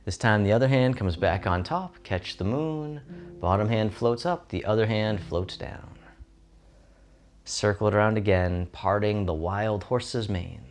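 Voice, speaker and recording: Serene low-voiced male tai chi instructor. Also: unhurried. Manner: serene, gentle, soothing cueing in short phrases. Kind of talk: guided tai chi movement cues. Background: instrumental music.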